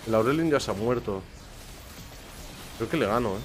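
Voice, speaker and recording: A man's voice: mid-range voice, lively intonation, normal speed, soft background music. A young man with a Spain Spanish accent giving live commentary while he streams a game, swearing, grumbling and pleading over and over.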